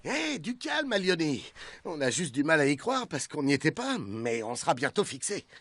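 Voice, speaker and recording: An actor voicing a doubtful, casual young knight in a dubbed cartoon. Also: male voice, on the high side, very animated, moderate pace, a bit bright, dry recording. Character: skeptical, easygoing young soldier knight.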